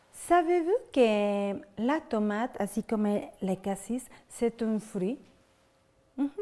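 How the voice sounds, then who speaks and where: A woman's voice: on the high side, mellow. A woman presenter introducing a guest and interviewing him, giving short approving replies. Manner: slow, affirming with short responses.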